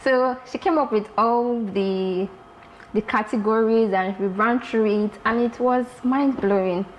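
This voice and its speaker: A woman from Lagos, Nigeria, a fashion designer talking as a guest in a casual interview, lively and repeating herself for emphasis. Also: a little high, unhurried, dull audio, a little hiss or hum.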